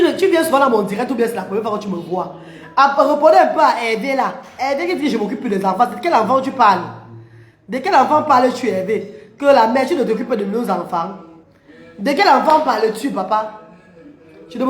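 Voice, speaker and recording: On a casual live chat, a woman with a brisk, expressive, fairly high voice reads viewer comments and talks animatedly. She laughs often and calls her audience maman and papa, with the sound echoing around the room.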